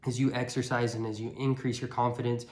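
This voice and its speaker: A man's voice: mid-range voice, level tone, fast talker. A man giving a casual, earnest motivational monologue, speaking bluntly and repeating words for emphasis. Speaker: motivational vlogger. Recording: echoey room.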